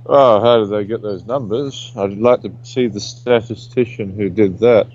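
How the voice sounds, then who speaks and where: A man's voice: fairly low pitch, fairly even intonation, moderate pace, a little mellow. A man giving casual commentary as a remote guest analyst, wry and dryly humorous, over a muffled call line. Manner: wry, dry humour, says mate.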